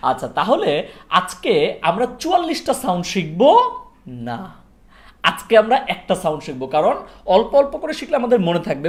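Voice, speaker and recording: A man with a Bengali accent teaching English pronunciation to children, coaxing and praising them as he drills sounds. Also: sits high. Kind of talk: classroom lesson with children.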